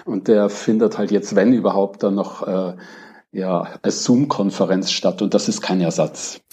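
A man answering casually as a guest, reflective and pausing now and then to search for words. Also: low-pitched, fairly even intonation, darkish tone. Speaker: podcast guest, crime novelist. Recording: dull, lo-fi connection.

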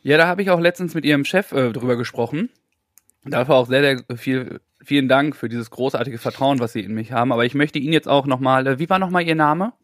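A man's voice: medium pitch, fast talker, dry recording, natural voice. Man playing a mock-earnest phone caller, dry close sound. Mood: mock-polite. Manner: mock-polite, formal, hesitant. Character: mock-earnest male tenant and consumer hotline surveyor. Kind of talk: improvised comic phone role-play.

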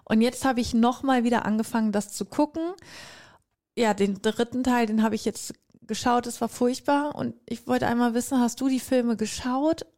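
A woman's voice: on the high side, steady tone, normal speed, a little mellow. A woman in her thirties co-hosting a podcast, rambling and exasperated in casual chat, laughing often. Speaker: podcast co-host.

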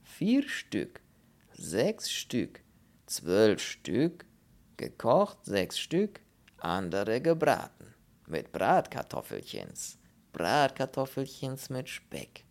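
A man voicing a bearded Polish émigré who speaks slow, broken German with a Polish accent. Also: mid-range voice, huge pitch swings, creaky, full character voice. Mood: yearning. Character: impoverished Polish male émigré, bearded, smug.

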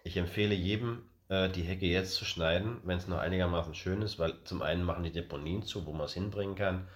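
A man's voice: deep voice, fairly quick. A man hosting a casual family podcast, rambling and hesitant with many fillers. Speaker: podcast host, father.

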